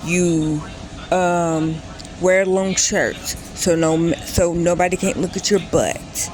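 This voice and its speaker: A woman in her late thirties shares a personal story on a casual vlog, her lowish, darkish voice moving slowly over a faint hiss or hum. She rambles and keeps pausing to correct herself.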